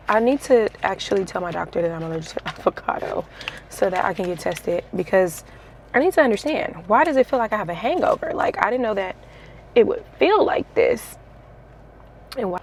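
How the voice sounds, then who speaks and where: A woman's voice: medium pitch, a little hiss or hum. A young woman vlogger chatting casually and slangily, laughing often as she talks. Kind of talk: casual vlog chat. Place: in a car.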